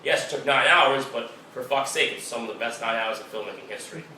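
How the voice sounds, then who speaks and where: A man's voice: mid-range voice, fast, sharp tone, distant mic, a little hiss or hum. A man co-hosting a casual film chat, emphatic and swearing freely. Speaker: podcast co-host. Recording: echoey room, off-mic.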